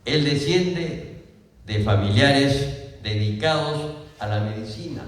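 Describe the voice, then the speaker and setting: An older man from Peru with a Peruvian Spanish accent, giving a formal laudatory speech at a ceremony in a measured way and correcting himself now and then. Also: medium pitch. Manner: measured, with self-corrections and asides. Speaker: ceremony speaker. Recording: distant mic in a reverberant hall.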